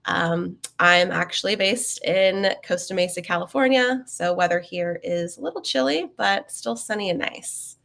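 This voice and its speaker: A young woman with a slightly low, creaky, fairly bright voice hosts a live webinar at a normal pace with few pauses. She's sniffly, still getting over a cold, and keeps things chatty and upbeat with plenty of ums and uhs.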